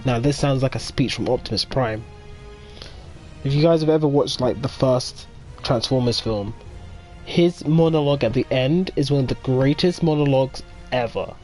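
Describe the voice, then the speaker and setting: A man commenting on a game playthrough in an excitable, rambling way. His voice sits at a middle pitch, with soft game music underneath. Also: moderate pace. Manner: excitable, rambling fan talk. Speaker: gaming video host. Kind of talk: casual let's play commentary.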